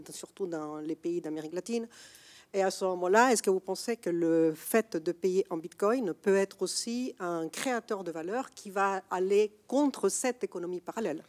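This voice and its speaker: A woman from El Salvador asking a long, measured question from the audience. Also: medium pitch, darkish tone. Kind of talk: question from the floor.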